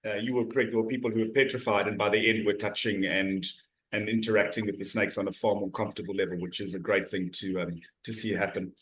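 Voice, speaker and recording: Speaking fast in a lowish, fairly bright voice with little pitch movement, a middle-aged South African host moderates an online Q&A for his talk series. He reads audience questions in a friendly, loose way, often restarting, with roomy echo from the video call.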